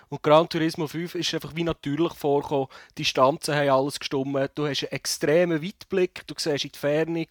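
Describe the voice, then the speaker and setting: A man with a Swiss German accent, chatting in a relaxed way on a podcast and explaining from his own experience. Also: fairly high pitch, no echo, studio quality. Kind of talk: casual podcast chat.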